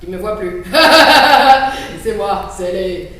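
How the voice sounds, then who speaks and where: A woman's voice: lowish voice, level tone, moderate pace, a little mellow, natural voice. A woman voicing a cheeky, clownish big bad wolf puppet in a playful, boastful manner. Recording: very roomy, mic far off.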